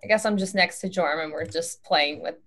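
A woman's voice: on the low side, fairly quick, fairly bright tone. A young woman chatting casually and playfully as a tabletop game player, speaking into a headset. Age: young adult.

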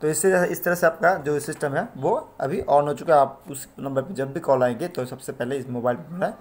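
Speaking with a fairly high pitch at a fairly quick pace, this Indian tech tutorial host keeps pleading with his audience and repeating himself in a relaxed, casual style. Background ambience and noise mark it as an amateur recording.

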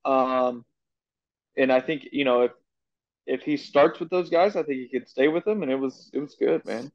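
A man's voice: mid-range voice, moderate pace, dry recording. Man on a dull, dry remote call. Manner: loose, filler-heavy storytelling. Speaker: podcast co-host. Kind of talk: casual podcast chat.

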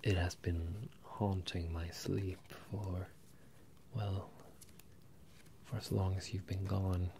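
Here a man in his 20s performs a whispered ASMR scene as a bemused wizard professor who keeps apologizing to a student. His breathy whisper and low murmur come out halting but level in tone. The close stereo microphones, ear to ear, also catch a noisy background.

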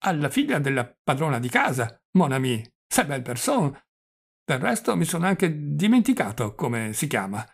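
A man's voice: a little high, sing-song, normal speed, gravelly, husky, full character voice. A man reading the part of a forgetful, rambling old prince who stammers and drops French phrases, in an audiobook. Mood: fretful. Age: older.

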